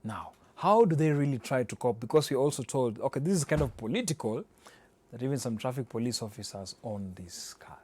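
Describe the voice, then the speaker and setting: A man's voice: mid-range voice, animated, brisk, darkish tone, slight background noise. A man with a Kenyan accent interviewing someone in a chatty, conversational way, often chiming in with affirmations.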